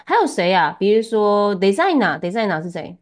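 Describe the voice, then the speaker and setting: A woman's voice: mid-range voice, very animated, moderate pace. A woman giving a one-on-one Japanese lesson, chatty and laughing often as she coaches pronunciation. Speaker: Japanese tutor.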